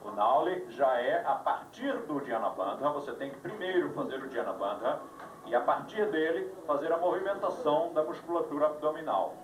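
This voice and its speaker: A man's voice: a little high, expressive, normal speed, background noise. A man leading a live yoga class, giving instructions with dry jokes, heard on an old VHS tape recording. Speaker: yoga teacher. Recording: echoey room, voice from far off, music behind, old VHS tape.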